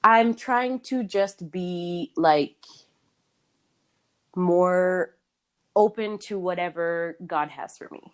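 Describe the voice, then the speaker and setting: A woman's voice: fairly low pitch, very slow, long pauses, smooth. Candid laughing young woman host. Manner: candid, laughs often, many restarts and fillers. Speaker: podcast co-host. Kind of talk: casual chat.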